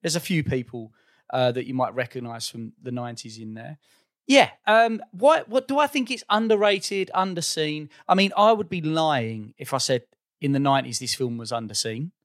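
A man in his forties with an Essex accent, chatting casually about film in an informal, fairly monotone way. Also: medium pitch, moderate pace, no echo, studio quality. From Essex, England. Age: 40s. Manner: self-described monotone, informal.

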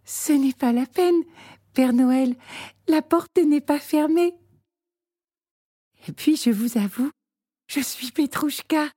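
A woman's voice: high voice, takes it slowly, pauses often, dark tone, pitched above the performer's own voice. Petrouchka, a woman doing a small hopeful girl. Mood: lively. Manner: small, eager, rising voice.

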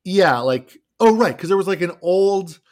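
A man's voice: high-pitched, expressive, normal speed, a little mellow. Casual male co-host, loose and rambling, chatty recap. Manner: rambling, heavy on "like" fillers. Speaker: podcast co-host. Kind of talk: casual chat.

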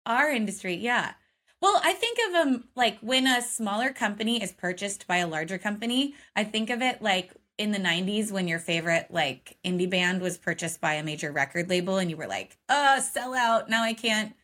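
A woman's voice: medium pitch, brisk, few pauses, a bit bright. A woman from Oregon co-hosting a coffee business podcast, chatting casually with many fillers and frequent laughs. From Oregon, United States. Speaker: podcast co-host. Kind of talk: casual chat. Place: home, forest view.

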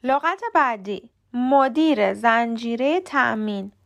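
A woman who speaks Persian as her first language hosts a podcast lesson, explaining calmly and clearly and saying model words slowly. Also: on the high side. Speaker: podcast host teaching English pronunciation.

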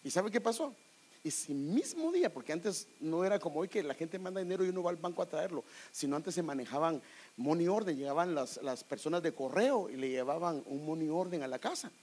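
A man's voice: on the high side, a little fast. A middle-aged man with a Guatemalan Spanish accent preaching a personal testimony, calling his listeners brother. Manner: animated, addresses listeners as brother. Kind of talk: testimony sermon.

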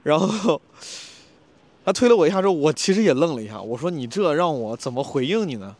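A man tells a story in a casual, rapid vlog. His voice sits a little high for a man, and he acts out the other people in the story with a raised voice. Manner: animated, acts out quarrels in raised voice. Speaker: comedian vlogger.

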